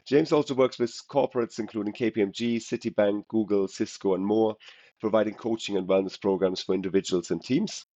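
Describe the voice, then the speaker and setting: Hoarse, muffled man hosting a podcast. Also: fairly low pitch, steady tone, mellow. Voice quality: hoarse voice from a cold. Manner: halting, stumbles over words. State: has a cold. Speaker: podcast host. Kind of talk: conversational podcast introduction. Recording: muffled, roomy lo-fi sound.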